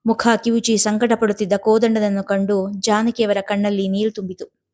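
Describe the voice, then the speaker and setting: A woman's voice: mid-range voice, flat delivery, moderate pace, mellow. Woman reading a family drama aloud. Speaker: storyteller. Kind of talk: scripted narration of a serialized family drama.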